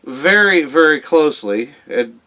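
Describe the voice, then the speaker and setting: A man hosting a wrestling show in a casual, halting, conversational way. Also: on the high side, lively intonation, pushed and bright, low-quality recording.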